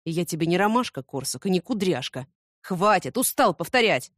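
A woman's voice: medium pitch, lively intonation, moderate pace, no room sound, studio quality, close to an everyday voice. A woman voicing a shy, stubborn young male student who grumbles irritably. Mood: annoyed.

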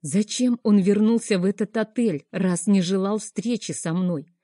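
A woman's voice: medium pitch, a little slow, mellow, no room sound, clean studio sound. A woman narrating a first-person story in a dramatic, emotional reading style. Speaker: audiobook narrator.

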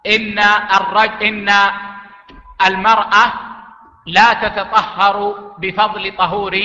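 A man teaching an Islamic jurisprudence lesson, speaking deliberately and repeating key phrases for emphasis. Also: high-pitched, pushed and bright. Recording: echoey lo-fi hall recording.

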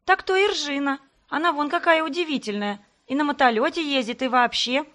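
A woman voicing a pair of lively teenage twin girls who fire off rapid, shrill questions. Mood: shouting playfully.

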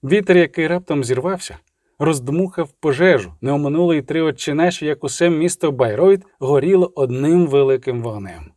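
A man narrates an audiobook in a steady, measured dramatic manner. His voice sits a little higher than most men's. The sound is close and dry, with no room echo.

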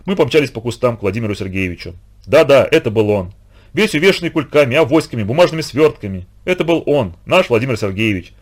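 Brief: male storybook narrator, lively rising and falling delivery, mid-pitched voice. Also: quick pace.

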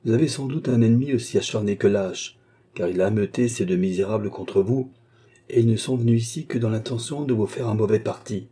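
Man reading as a cold bossy young noble, low husky voice. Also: a little fast, mellow. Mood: imperious. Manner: cold, imperious.

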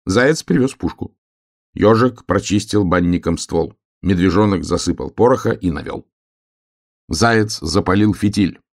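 A man reading a children's story aloud, expressive and acting out each animal. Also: low-pitched, a little slow.

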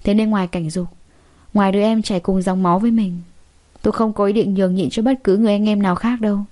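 A woman's voice: medium pitch, steady tone, fast talker, close to an everyday voice. A woman reading the lines of a stern, determined young husband from a wealthy family in an audiobook. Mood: firm. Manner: firm, quietly determined.

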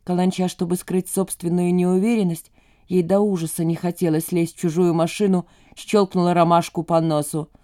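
A woman giving an expressive, lively audiobook narration. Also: lowish voice, normal speed.

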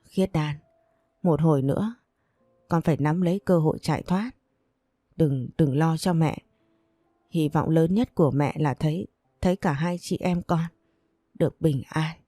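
A woman's voice: low-pitched, unhurried, pauses often, dark tone, no echo, faint music behind. A woman voicing a desperate young mother in a storybook reading, pleading and tearful. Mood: dying tender.

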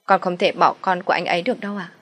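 A woman's voice: on the low side, little pitch movement, very fast, faint music behind, close to an everyday voice. A woman voicing a brazen, scheming young mistress who talks insolently and then pleads. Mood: pleading. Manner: brash, insolent, turns pleading.

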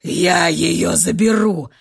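A woman voicing a menacing, beastly man who is a furious rival buyer, speaking in a rough, growling voice, slow and forceful. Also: mid-range voice, soft background music, pitched below the performer's own voice, exaggerated voice.

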